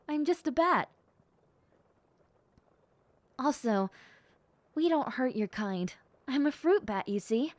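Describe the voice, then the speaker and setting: Sounding reassuring but flustered, a woman voices a bashful, excitable young bat-girl hybrid in a roleplay audio drama. Her high voice gushes politely with hesitant little exclamations, and the recording is dry.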